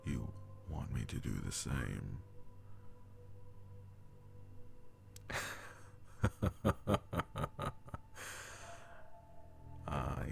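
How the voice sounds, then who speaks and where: With a very deep, full character voice, this man portrays a mighty demon who is devotedly and jealously bound as lover to a sorcerer, all within an intimate roleplay audio drama. He speaks in a breathy, gravelly half-whisper, slowly and formally, with old-fashioned wording, over background music.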